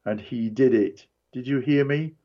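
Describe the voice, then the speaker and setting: A man voicing a drugged, despairing man who talks softly in a thick, slurred, tired monotone. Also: mid-range voice, measured pace, muffled recording, natural voice. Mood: quiet insistent.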